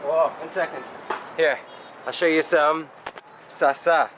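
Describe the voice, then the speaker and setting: A man's voice: a little high, fairly even intonation, slow. A man hosting a casual vlog outdoors, joking easily and laughing often. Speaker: vlog host. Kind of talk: casual vlog chat and narration. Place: outdoor rural building site. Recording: noisy outdoor ambience.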